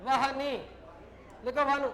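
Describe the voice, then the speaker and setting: A man's voice: very high voice, little pitch movement, measured pace, vocal fry, sharp tone, rough recording. A male teacher giving a classroom grammar lesson, dictating words and explaining them in short, repeated phrases.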